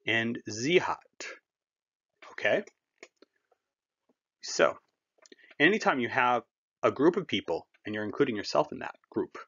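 A dull lo-fi recording captures a man with a mid-range, fairly bright voice leading a classroom German lesson. He explains patiently in a conversational way, drawing on everyday comparisons.

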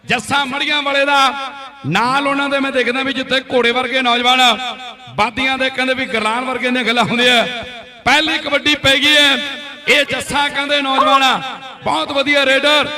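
Male Punjabi rural sports commentator: frantic and excited, very high, piercingly sharp voice, repeats names. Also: moderate pace. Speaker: kabaddi commentator. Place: outdoor village kabaddi tournament.

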